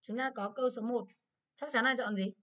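A woman English teacher with a Vietnamese accent, going through an exam in a brisk review lesson and asking many checking questions. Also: a little high, steady tone, bright, forceful tone.

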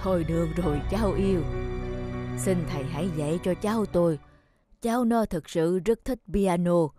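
Cartoon: woman as a tender, lowish elderly grandfather, hesitant and kind, light music under. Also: moderate pace, natural voice. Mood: pleading. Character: gentle elderly grandfather, poor and caring. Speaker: cartoon voice actor.

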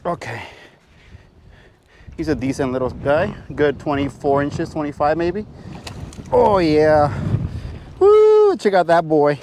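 A man talks casually to his viewers while fishing from a small boat on open bay water, his voice sitting slightly high for a man. He breaks into excited whoops when a fish bites. The action-camera audio carries strong wind and water noise. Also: slow pace, pauses often. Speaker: fishing vlogger. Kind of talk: casual fishing vlog narration. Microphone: action camera worn on the body.

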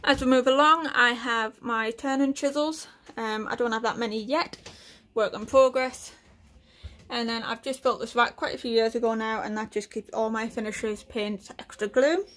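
Her pitch is fairly high and her pace moderate as this British woodworking vlogger walks through her compact shed workshop on a handheld phone. The tour is casual and relaxed, with the tools listed amid frequent fillers.

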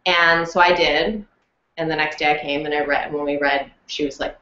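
A woman actor and audiobook narrator telling a story in a casual, animated chat, laughing often. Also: sits low, brisk. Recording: roomy, dull lo-fi sound.

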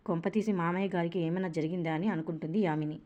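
A woman with a lowish voice races through a serial's story and barely pauses between scenes. She reads every character herself in nearly the same voice. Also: fairly even intonation, lo-fi sound. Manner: rapid, breathless storytelling with little change of voice between characters. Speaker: serial recap narrator. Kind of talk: fast retelling of a TV serial, voicing every character.

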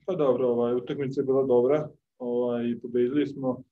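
A young male basketball player answering postgame press questions calmly, searching for words, in a press room. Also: fast, highs cut off, a little hiss or hum. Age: young adult. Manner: calm, low-key, searching for words. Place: press room before a sponsor backdrop.

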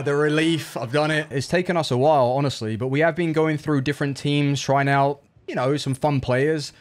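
A man giving live commentary on his own football video game match, excitable, jumping from low groans to loud yelps. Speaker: gaming YouTuber.

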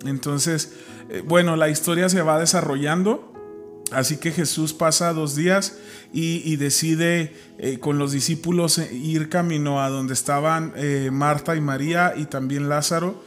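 A man's voice: fairly high pitch, fairly even intonation, measured pace, faint music behind. A man casually discussing a Bible story, retelling scripture with many fillers and restarts.

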